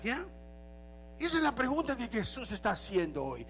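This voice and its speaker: A male pastor preaching a sermon in an animated way, slipping in English phrases now and then. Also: extremely high pitch, normal speed, slight background noise.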